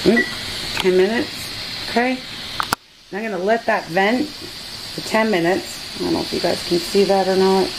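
A woman's voice: medium pitch, unhurried, long pauses. A woman vlogger in her home kitchen, chatting casually and explaining each step to her viewers. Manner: chatty, instructive, addresses viewers as guys. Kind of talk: casual how-to vlog. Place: home kitchen with electric glass-top stove. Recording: noisy kitchen with hissing steam. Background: steam and cooking sounds from a pressure canner.

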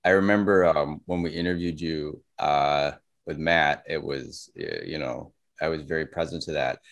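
A man with a very low voice hosts an interview over a video call from his home. He asks his questions in a relaxed, friendly way with some hesitations. The sound is dry and close to the mic. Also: moderate pace, creaky, dry recording. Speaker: interview host, course creator. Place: room at home with red curtains. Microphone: webcam or laptop mic on video call.

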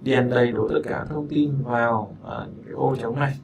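A male teacher running an English lesson, repeating phrases slowly and glossing them, with chatty, joking asides. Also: medium pitch, steady tone, a crowd in the background. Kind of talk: language lesson explaining a listening exercise.

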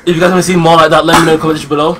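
A man's voice: on the high side, flat delivery, rapid-fire, background noise. A young man hosting a casual vlog, chatting informally to his viewers. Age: young adult. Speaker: video host. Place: small bedroom. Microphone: camera a short distance away.

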